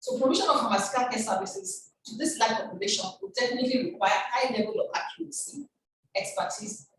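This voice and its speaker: An older woman giving a formal, measured presentation as a guest speaker, heard over a conference call. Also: fairly high pitch, a bit bright. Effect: conference call audio. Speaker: guest speaker, chief pharmacist. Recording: echoey, distant online conference call with background noise.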